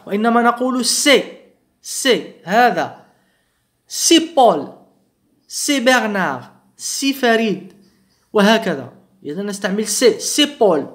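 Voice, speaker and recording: Man, teacher, high voice, slow lines, quick explanations. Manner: reads French lines slowly, explains quickly in Arabic. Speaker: French teacher. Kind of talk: bilingual language lesson.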